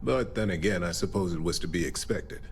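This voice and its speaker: Aloof corporate executive, very low voice, dry, condescending, video game dialogue, faint background noise. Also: male voice, a little fast. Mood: dry, disapproving. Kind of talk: video game character acting.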